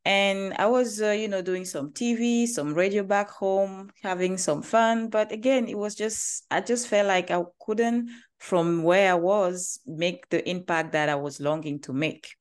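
A woman from Cameroon with a Cameroonian accent, a company founder talking about her life in an interview, earnest and quick to laugh lightly. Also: medium pitch, smooth. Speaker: guest, agency founder. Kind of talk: interview conversation.

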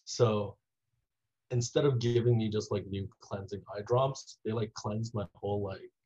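A young man from Taiwan, a student being interviewed, telling a rambling story full of "like" fillers that trails off quietly. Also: lowish voice, fairly even intonation, measured pace, breathy edge. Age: young adult. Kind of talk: casual interview. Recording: dull lo-fi audio.

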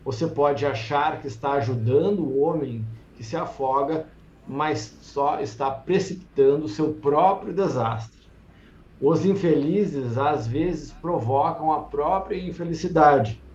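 Guy hosting a book club stream, chill and chatty, roomy muffled audio. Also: fairly high pitch. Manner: relaxed, chatty, laughs easily, reads passages slowly. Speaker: host of an online book club. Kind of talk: casual live-stream chat.

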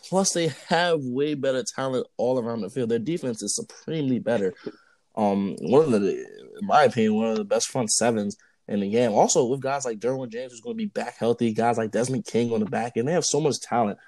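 A man co-hosting a podcast, giving his take on football in long, measured runs with filler words. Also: mid-range voice, a little mellow, dry recording, rough recording. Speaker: podcast co-host. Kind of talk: casual sports podcast chat.

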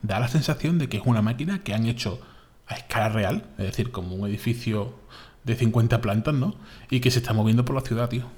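A man from Spain with a Spain Spanish accent, co-hosting a podcast in casual, animated chat, full of fillers and repeats. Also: mid-range voice, quick pace. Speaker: podcast co-host.

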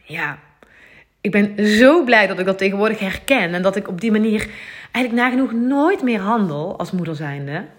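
A woman's voice: mid-range voice, animated, moderate pace. A woman in her thirties with a Dutch accent, hosting a solo podcast in an earnest, confiding way, thinking aloud with many fillers. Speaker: podcast host. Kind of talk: reflective solo podcast talk.

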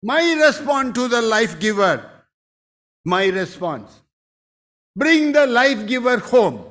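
A man's voice: very high voice, very animated, takes it slowly, fairly bright tone. A man preaching a sermon as pastor, emphatic and rising into exclamations.

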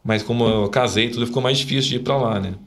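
A man's voice: mid-range voice, fast, slight background noise. A man, a podcast guest telling a personal faith story in a rambling way, tagging his sentences with little questions. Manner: rambling, frequent "né?" tags, emotional storytelling. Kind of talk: conversational testimony.

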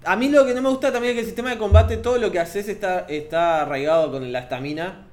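A young man talks about games in a relaxed, animated way, voice sitting a little high for a man. He laughs easily and restarts his sentences often, like a friend on a podcast. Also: fast talker. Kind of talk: casual gaming chat.

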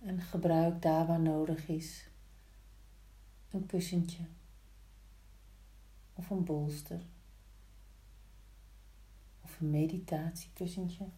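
Woman, yoga instructor, soft hushed soothing guidance, lowish pitch, slow unhurried pace, long pauses. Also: little pitch movement. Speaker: yin yoga teacher. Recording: roomy, echoing sound.

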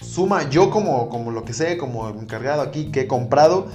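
A man's voice: medium pitch, animated, fairly quick, a little mellow. A man with a Mexican accent hosting a casual chat, joking and slangy, playing up comparisons like a boxing announcer. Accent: Mexican Spanish. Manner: joking, playful, slangy, boxing-match commentary voice. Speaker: podcast host. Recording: roomy room with music behind.

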